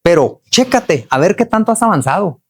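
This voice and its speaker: A man's voice: high-pitched, very animated, moderate pace, husky. A middle-aged man from Chihuahua gives a motivational talk to workers in a folksy, earthy way, full of slang and questions to the audience. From Chihuahua, Mexico. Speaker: motivational speaker.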